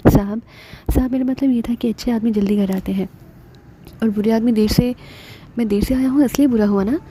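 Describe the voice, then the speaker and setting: A woman's voice: a little high, fairly quick, dark tone, slight background noise, natural voice. A woman voicing a fussy, cheeky male servant who grumbles and stumbles over his words. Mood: grumbling.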